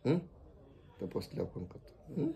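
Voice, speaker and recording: A young man, vlogging in a casual, chatty way and teasing with gentle coaxing, first at home and then outdoors on the road. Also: on the low side, wildly swooping pitch, brisk, creaky. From Kolhapur region, India. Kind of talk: casual vlog talk to camera.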